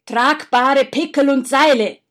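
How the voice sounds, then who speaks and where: A woman's voice: sits high, slow pace, pitched above the performer's own voice. A woman voicing Faustus, a greedy scheming villain. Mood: commanding. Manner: excited, commanding outbursts.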